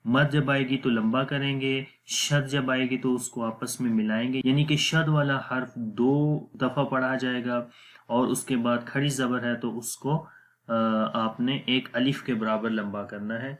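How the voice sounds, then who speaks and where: A man with a steady, mid-range voice gives a step-by-step tajweed lesson on the rules of Quran reading. He explains each step patiently and repeats them plainly.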